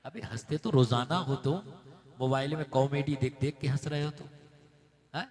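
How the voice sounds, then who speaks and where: A man's voice: a little high, normal speed, darkish tone, reverberant, in a large hall. A man preaching a sermon to a gathering, building fervent, chanting repetitions of lines. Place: religious gathering. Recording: crowd audible behind the speaker.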